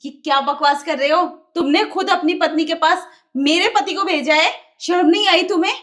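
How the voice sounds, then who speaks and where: A woman's voice: very high voice, moderate pace, a bit bright. A woman in a scripted skit, speaking suspiciously and scolding the man. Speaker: actress in a short skit.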